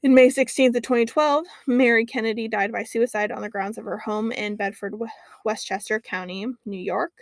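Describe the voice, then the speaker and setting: A woman's voice: fairly high pitch, fairly even intonation, no room sound. Podcast lady reading off her notes, lots of ums, dry close mic. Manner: chatty, fills pauses with "um". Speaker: podcast co-host. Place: lives near an Alaskan lake.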